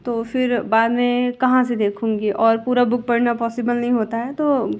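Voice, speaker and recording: A woman's voice: on the high side, steady tone, moderate pace, a little mellow. Chatty woman teacher narrating her vlog. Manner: chatty, rambling, self-correcting. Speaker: school teacher. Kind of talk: casual vlog voice-over.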